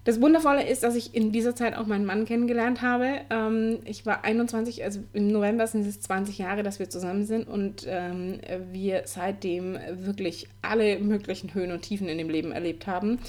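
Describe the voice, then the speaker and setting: A woman's voice: mid-range voice, steady tone, fairly quick, hardly any pauses, a little mellow. A woman in her forties hosting a podcast, telling her personal story in an earnest, candid way, with many fillers and restarts. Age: 40s. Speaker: podcast host.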